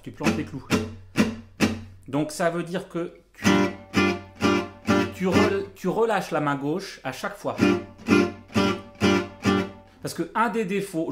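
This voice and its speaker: A man's voice: a little high, echoey room. A man giving a casual guitar tutorial to camera, joking and self-deprecating, his mouth numb from dental anaesthetic. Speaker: jazz guitar coach and video teacher.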